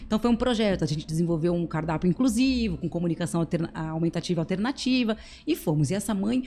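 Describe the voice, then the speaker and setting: Brazilian woman, middle-aged OT guest, rapid didactic delivery, warm low tone. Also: animated, a little hiss or hum. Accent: Brazilian Portuguese. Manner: explains step by step with simple examples. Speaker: occupational therapist guest. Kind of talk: casual podcast interview. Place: clinic room.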